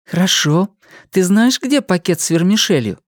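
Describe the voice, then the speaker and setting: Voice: mid-range voice, expressive, moderate pace, dry recording, voice pushed up, natural voice. A kind, patient young woman, as a narrator plays her, coaxing a frightened child step by step. The voice is close and dry. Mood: soothing. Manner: gentle, coaxing.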